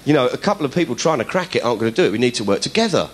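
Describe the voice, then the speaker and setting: Speaking at a racing clip in a medium-pitched voice, a middle-aged comedian host animatedly recounts a story for a studio audience, imitating the voices of those he quotes.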